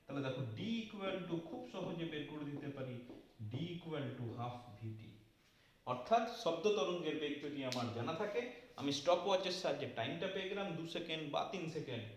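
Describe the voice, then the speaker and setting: A male physics teacher talks his class through a problem one step at a time, stopping to ask whether they follow. His voice sits high, and it sounds heavily echoey, picked up from a distance. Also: expressive, brisk. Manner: explains step by step, asks "তাই না?" to check understanding. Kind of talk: classroom lecture. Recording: very echoey room, distant mic, faint noise.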